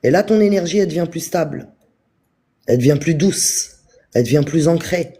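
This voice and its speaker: A man giving a calm, repetitive spiritual talk on a live stream, speaking straight to his viewers. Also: fairly high pitch, brisk, breathy edge. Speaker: spiritual teacher.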